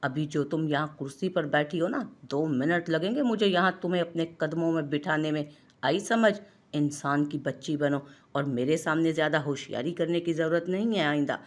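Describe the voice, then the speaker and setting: A woman's voice: deep voice, normal speed. A domineering young man, put on by a woman narrator, hot-tempered and commanding. He threatens freely in a storybook romance reading. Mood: threatening.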